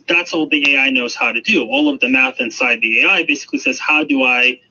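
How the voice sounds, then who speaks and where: A man speaking as an expert in an interview explains things emphatically, often repeating phrases to drive points home. His mid-range voice is brisk, bright, and forceful with a breathy edge, and the audio sounds muffled and noisy, like radio.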